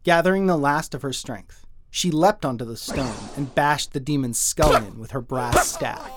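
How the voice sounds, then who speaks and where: Man narrating a dark fable. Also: mid-range voice, normal speed, noisy background. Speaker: writer and narrator. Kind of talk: scripted storytelling narration.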